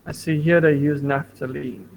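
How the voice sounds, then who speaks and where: High-voiced male teacher on a video call. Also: fairly even intonation, moderate pace, vocal fry, a little hiss or hum, rough recording. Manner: patient, repeats points, asks class questions. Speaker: science teacher. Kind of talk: online class lesson. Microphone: computer mic on video call.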